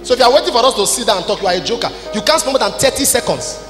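Very fast and animated, with a very high voice, a Nigerian apostle in his forties sermonizes from the stage of a large church. His short declarative phrases scold the congregation emphatically, carried by a handheld mic through an echoey PA with music underneath.

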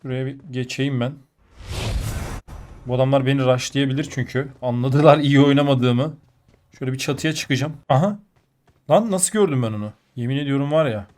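A sick man with a blocked nose and a muffled, nasal voice, giving excitable gameplay commentary that jumps between muttering and outbursts. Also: medium pitch, fairly quick. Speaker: mobile game player.

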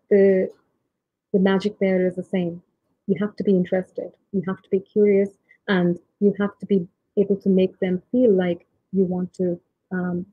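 The dry, tinny, husky audio of a video call carries a reflective leadership talk by a soft-spoken tech leader, a woman in her thirties from India. She speaks remotely from her home with a mid-range voice over a laptop or webcam mic, frequently using ums and restarting sentences.

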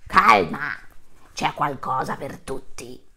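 A woman doing a booming lion king. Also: lively intonation, creaky, full character voice. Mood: commanding. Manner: slow, loud, commanding roars.

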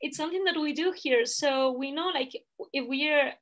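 A young woman from Spain with a Spanish accent speaks in a high, slightly bright voice at normal speed. She is a guest language assistant on a casual video call from an indoor room at home, picked up by a laptop webcam, and sounds hesitant, using many fillers.

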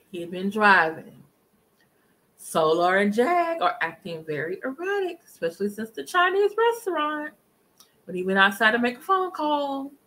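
Bright-voiced woman hosting a live stream. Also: on the high side, low-quality recording. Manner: emphatic, talks to chat viewers. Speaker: livestream commentary host. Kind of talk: casual live commentary. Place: living room at home. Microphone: webcam at desk distance.

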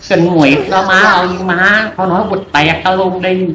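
A man's voice: high-pitched, steady tone, close to an everyday voice. A man playing a crude, bossy old fortune teller, scolding and teasing. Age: older. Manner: scolding, teasing, rapid and bawdy. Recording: echoey room with noise.

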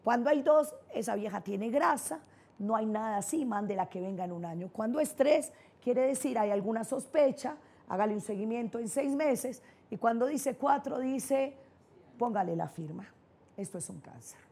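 Middle-aged paisa woman, motivational speaker; mellow, husky voice, emphatic storyteller. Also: on the high side, animated, moderate pace. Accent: Colombian paisa. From Colombia (Antioquia). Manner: personal storytelling, emphatic and candid. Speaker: neurolinguistic programming trainer, speaker. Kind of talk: motivational conference talk.

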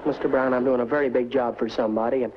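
An actor playing a sheepish, eager young American who stammers and jokes about himself. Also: male voice, medium pitch, steady tone, rapid-fire, natural voice. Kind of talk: 1950s sitcom acting. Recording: dull old TV soundtrack with hiss.

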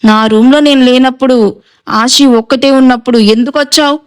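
Woman narrator voicing a domineering, short-fused elder brother; flat, clear delivery with clipped commands. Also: high voice, normal speed, close to an everyday voice. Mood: menacing. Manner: cold, commanding, clipped orders. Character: stern domineering young man, hot-tempered elder brother.

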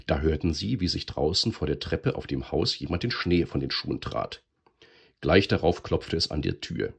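A man giving a lively, expressive reading of a storybook. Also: extremely low pitch, moderate pace, gravelly, breathy edge.

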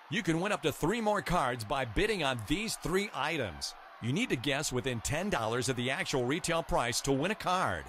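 A man playing an upbeat game show prize announcer in a video game, with a booming, excited, scripted delivery.

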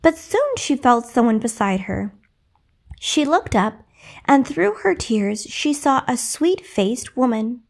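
A woman reading a bedtime story aloud in a gentle, soothing, expressive way. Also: a little high, slow, creaky.

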